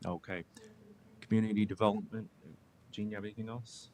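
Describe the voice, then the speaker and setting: A man chairing a city committee meeting, calling on departments in brisk procedural turns. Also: on the low side, steady tone, mellow, slight background noise. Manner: brisk procedural roll calls.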